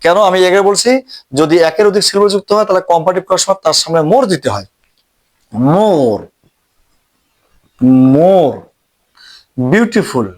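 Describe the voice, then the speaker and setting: A man teaching an English grammar lesson, speaking slowly and repeating each word as he writes it out. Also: high-pitched. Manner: slow, repeats each word while writing it out.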